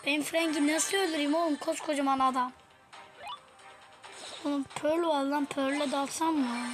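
A woman giving casual gameplay commentary to her viewers, excitable, swinging between yelling at opponents and quiet apologies. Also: high-pitched. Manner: casual slangy talk to viewers. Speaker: gaming YouTuber.

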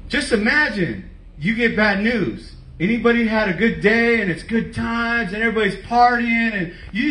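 High, bright-voiced preacher in echoey hall. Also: male voice, recorded from a distance. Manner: lively, conversational preaching with slang. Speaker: pastor. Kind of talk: sermon. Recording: echoey room, voice from off-mic.

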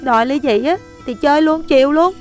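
A woman's voice: sits high, brisk, soft background music, natural voice. An actress with a Southern Vietnamese accent playing a panicky young wife who stammers and frets over her husband. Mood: frantic. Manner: frantic, stammering repeats. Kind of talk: comedy film acting.

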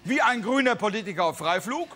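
Animated German man doing stand-up. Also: sits high, fairly quick, background noise. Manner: animated storyteller, acting out people's lines, buzzing noises. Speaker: stand-up comedian. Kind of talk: live stand-up comedy monologue. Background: audience laughter.

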